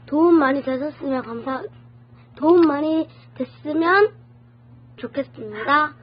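A woman with a sped-up, voice-changer effect, politely and haltingly explaining an app step by step in a casual tutorial. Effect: voice changer, sped-up high-pitched voice. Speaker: tutorial host. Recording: muffled lo-fi phone recording, faint noise, clicks.

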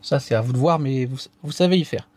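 A man's voice: medium pitch, quick pace, darkish tone, husky, no echo. A man hosting a casual step-by-step tech tutorial, talking hesitantly with frequent fillers and restarts.

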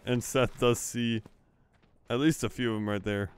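A young man casting a college esports match in a relaxed, chatty way, laughing often. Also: mid-range voice, moderate pace, smooth. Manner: laid-back, laughs often, filler-heavy. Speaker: esports caster. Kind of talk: casual game commentary.

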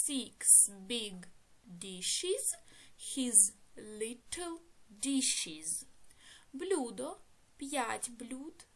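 A woman teaches English to beginners with a fairly high and very lively voice. She talks slowly, naming each letter and sound and translating every example. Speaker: language teacher.

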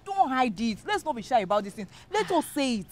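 A Nigerian neighbour woman with a Yoruba accent lectures and soothes, earnest and insistent. Her voice is fairly high. A faint hiss sits behind her. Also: very animated, a little fast. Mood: lecturing. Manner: pleading, then lecturing. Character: calm, preachy neighbour woman.

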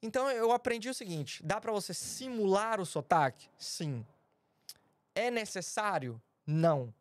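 A man from Brazil, a podcast guest, telling stories in a casual, animated, slangy way. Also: high voice, measured pace, dry recording. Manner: animated, acts out quoted dialogue, slangy. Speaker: podcast guest, design lead. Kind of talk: casual storytelling chat.

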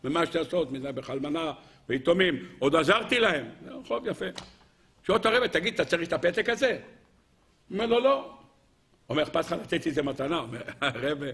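Animated, high-voiced rabbi storyteller. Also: male voice, slightly rough. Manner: animated storyteller acting out dialogue with laughs. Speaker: rabbi giving a Torah lesson. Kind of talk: storytelling sermon.

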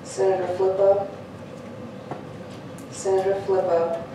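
A woman acting as clerk, calling out names in a measured way for a formal roll call. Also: mid-range voice, flat delivery. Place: committee meeting room, indoors. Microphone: distant camera microphone. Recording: echoey noisy room, far from mic.

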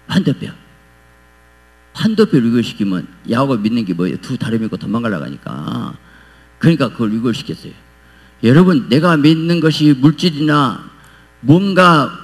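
A man preaching a revival sermon in a church as pastor, animated and acting out pleading prayers. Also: medium pitch, creaky. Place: church sanctuary. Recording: long hall reverb with mains hum.

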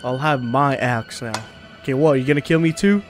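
A man's voice: medium pitch, a little fast. A young man giving casual let's play commentary, slangy and sweary, often repeating short phrases. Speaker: gaming streamer. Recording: loud game music behind voice.

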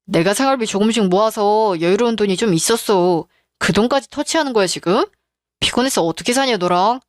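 A woman's voice: medium pitch, fairly quick, no echo, studio quality, lightly acted. A woman voicing a defensive, stubborn husband who talks in a curt, dismissive way.

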